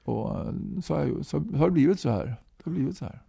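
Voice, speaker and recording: Man in his 60s, heavy fry, dark tone, chatty guest who peppers lines with "va?"; dry sound. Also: fairly high pitch, animated, dry recording. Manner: talkative, tags sentences with "va?". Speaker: guest, musician and movement leader. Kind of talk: casual conversational interview.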